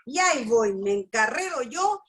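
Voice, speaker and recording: A middle-aged woman gives a personal testimony at a church family class, telling her story with lively expression and acting out what people said. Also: on the high side, normal speed. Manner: animated storytelling, acts out dialogue. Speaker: speaker at a church family school.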